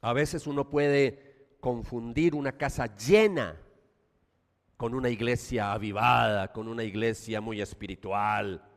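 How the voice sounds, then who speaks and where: A man with a Colombian Paisa accent preaching a sermon as pastor, animated, with loud emphasis and quiet asides. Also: medium pitch, a little slow, in a large hall.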